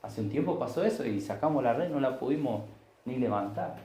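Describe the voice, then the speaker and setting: A man's voice: mid-range voice, expressive, a little fast, dark tone, roomy sound, low-quality recording. A man preaching a Sunday sermon, telling stories in a conversational way and acting out the voices in them. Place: church.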